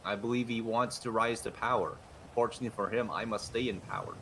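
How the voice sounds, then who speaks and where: A man's voice: lowish voice, quick pace, fairly bright tone, slight background noise, rough recording. A man in an improvised game role-play, playing a man who talks like a stiff robot in formal, mechanical phrases. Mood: stiff robotic.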